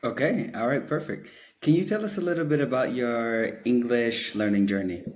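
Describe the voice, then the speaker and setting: A man hosting an interview, asking short questions and moving briskly to the next topic. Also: mid-range voice, a little mellow. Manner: brief, moves the talk along. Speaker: interview host.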